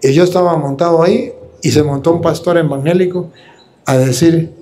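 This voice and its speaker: A man's voice: fairly high pitch, fairly even intonation, normal speed, warm tone. A man who is a priest, preaching a combative, mocking sermon.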